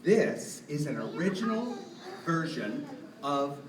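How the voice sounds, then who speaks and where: A puppeteer playfully introduces a live show to children and asks his audience questions. His voice is a little high and sing-song, and he takes it slowly. The echoey room, distant mic, background noise, and music behind him are all audible.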